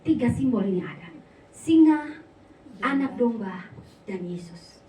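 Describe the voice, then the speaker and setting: A high-pitched woman pastor preaches with lively, playful humor, slipping into small comic voices. She sounds a little way off from the mic, and her voice rings through an echoey church hall over a faint room hum. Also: a little slow, recorded from a distance. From North Sumatra, Indonesia. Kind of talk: sermon.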